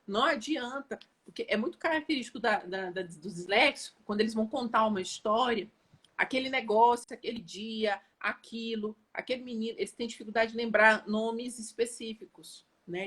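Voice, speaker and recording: A woman educator talking casually on a live stream, lively, often repeating words and checking whether listeners follow. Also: fairly high pitch, slightly rough. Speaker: educator and guest on an Instagram live.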